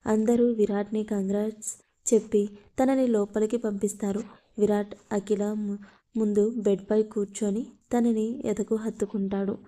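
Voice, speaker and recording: A woman narrating a love story, reading in a steady, flat way. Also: medium pitch, normal speed.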